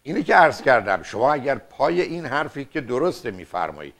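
A man's voice: medium pitch, sing-song, a bit bright. An older man hosting a call-in advice show as a family therapist, lecturing insistently with rhetorical questions. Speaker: radio and TV family therapist host.

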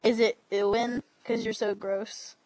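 A woman's voice: a little high, little pitch movement, a little slow, darkish tone. A woman in a casual chat, teasing her friend and giggling often. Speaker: co-host.

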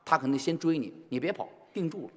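A man leads a crosstalk routine on stage. His voice is fairly high and swings widely as he teases and exaggerates, with the long reverb of a theatre hall. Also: expressive, fast, darkish tone. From northeast China. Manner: teasing, exaggerated delivery. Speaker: lead comic in a crosstalk duo. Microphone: stand microphone on a stage.

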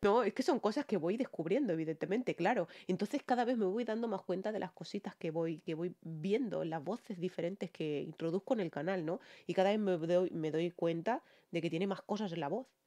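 Spanish-accented woman singer doing a reaction vid, excitable, repeats herself a lot, keeps asking the viewers stuff. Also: on the low side, fairly quick. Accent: Peninsular Spanish. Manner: excitable, repeats words for emphasis; talks to viewers with frequent tag questions. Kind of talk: music reaction commentary.

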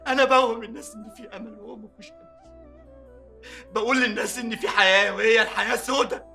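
An actor playing a weeping, despairing male doctor in a TV drama, speaking Egyptian Arabic in a low, hushed, broken voice. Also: fairly even intonation, fast talker, vocal fry, roomy sound, faint music behind, full character voice. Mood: grieving. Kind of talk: TV drama acting.

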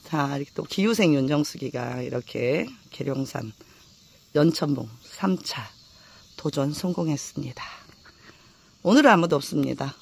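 A middle-aged woman, a traditional folk singer and channel host, talking in a solo hiking vlog from outdoors on a mountain peak. She is tired and strained from the climb and cheers loudly at each success. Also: sits low, normal speed, creaky, slightly rough.

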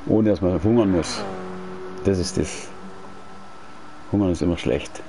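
A sim racing streamer in his late forties, with a very deep voice, chats casually at home at a measured pace. He rambles in a relaxed way, full of slang and restarted sentences, while loud engine noise from the racing game plays underneath.

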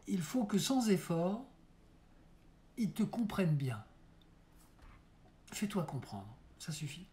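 A man voicing an aging theatre mime giving his son final advice, earnest and coaxing in a dramatic monologue reading. He speaks slowly in an unhurried, measured way. The tone is warm and mellow, and he often drops into soft, hushed asides. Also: high voice, sing-song, voice pushed up, full character voice. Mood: coaxing mentor.

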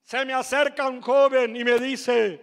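Older Venezuelan pastor, unhurried and emphatic, preaching a testimony in a reverberant church. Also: male voice, very high-pitched, little pitch movement, vocal fry. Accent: Venezuelan Spanish. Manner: dramatic, emphatic, bursts into shouts. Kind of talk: sermon testimony storytelling.

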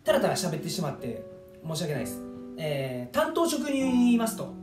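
A man's voice: on the high side, huge pitch swings, fairly quick. Goofy Kansai man in an echoey room. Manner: goofy, swings into loud joking outbursts. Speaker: soccer player and vlogger. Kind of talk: comic mock-apology vlog. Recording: echoey room with background music.

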